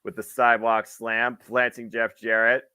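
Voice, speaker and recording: A man works as a wrestling commentator, calling moves play-by-play. His voice is crisp and bright, recorded dry, and he strings out wordy, halting analysis between the calls. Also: medium pitch, completely flat delivery, dry recording.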